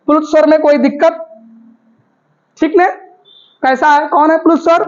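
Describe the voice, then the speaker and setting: A woman teacher with a high voice leads a grammar lesson and drills the class. She asks questions, then answers them herself and repeats the terms. The recording is muffled and lo-fi. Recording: dull lo-fi recording.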